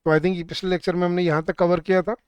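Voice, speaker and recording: A man leads an exam-prep grammar lesson, moving between Hindi and English. His voice sits a little high, and the sound is dry and close. He asks questions and answers them himself, reading the example sentences slowly. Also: flat delivery, darkish tone, clean tone, no room sound, highs cut off. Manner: slows down when he reads out the example sentences. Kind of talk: online exam-prep class.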